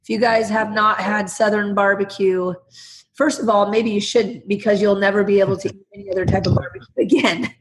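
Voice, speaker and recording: A woman co-hosting a casual podcast in a chummy, slangy way, with a hoarse smoker's rasp and a congested sound from a sinus bug. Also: mid-range voice, fairly even intonation, a little fast, slight background noise, rough recording. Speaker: podcast co-host.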